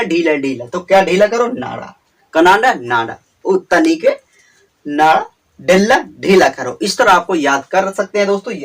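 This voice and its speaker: Slightly high-voiced man teaching memory tricks. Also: distant mic. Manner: repetitive, drawn-out emphasis, frequent "theek hai". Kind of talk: exam memory-trick lesson.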